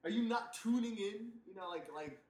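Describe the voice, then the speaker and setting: A man's voice: high voice, fairly quick, darkish tone. A man in his twenties hosting a casual, profane podcast chat, rambling with constant "like" fillers. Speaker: podcast host. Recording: echoey room, distant mic.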